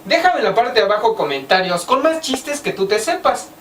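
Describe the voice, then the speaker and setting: Mexican woman vlogger, animated joke-teller, pitch jumps around a lot, roomy sound from a mic set back. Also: normal speed. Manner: animated, playful delivery. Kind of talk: casual joke-telling to camera. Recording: roomy, mic at some distance, faint background noise.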